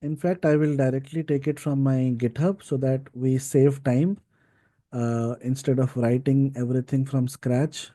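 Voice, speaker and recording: In a casual live coding lesson, this data science instructor explains each step and checks in with brief tags like "right" and "okay." His mid-range voice is warm but flat, and his pace is a little slow.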